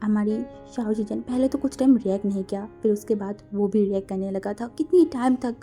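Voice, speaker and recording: Mellow-voiced woman narrating a story. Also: medium pitch, brisk, faint music behind. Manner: casual, conversational retelling. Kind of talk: fan fiction narration.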